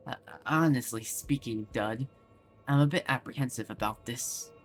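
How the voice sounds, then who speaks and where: A man voicing a wry older male scientist in a lowered, slow old man voice, reading game dialogue aloud. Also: soft background music, close to an everyday voice.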